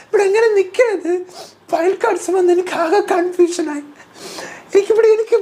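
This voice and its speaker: A woman's voice: extremely high pitch, moderate pace, mellow, voice pushed up. A woman voicing a distraught young woman who pleads in a whiny, tearful voice to be let out. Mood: tearful pleading.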